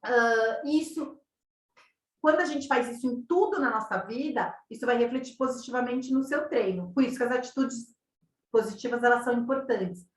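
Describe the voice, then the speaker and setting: A woman with a Brazilian Portuguese accent teaches an online running class in an easy, chatty way, often ending her points with a question to the listeners. Her voice sits fairly high for a woman. She sounds set back from the microphone in a room with a lot of echo. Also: normal speed. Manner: conversational, tags sentences with questions, acts out quoted thoughts. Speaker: running coach. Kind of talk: online masterclass talk. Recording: roomy echo, distant from mic.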